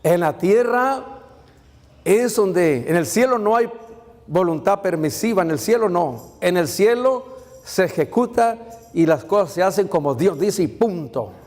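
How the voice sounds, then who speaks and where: Man, pastor, sermon, higher-pitched voice, long church echo. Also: lively intonation, measured pace, a little mellow. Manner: preaching with rhetorical questions, calling out to the congregation.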